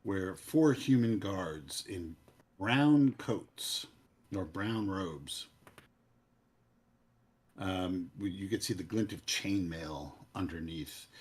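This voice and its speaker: Male game master, very low husky voice, halting improvised narration of a fantasy scene. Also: darkish tone. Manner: halting, searching for words.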